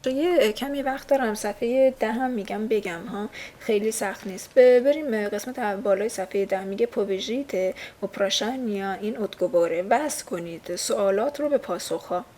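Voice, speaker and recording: Reading from a textbook in an informal recorded language class, this Persian-accented woman explains things patiently and fills her speech with fillers. Her voice is medium-pitched and darkish, with a little hiss or hum on the recording.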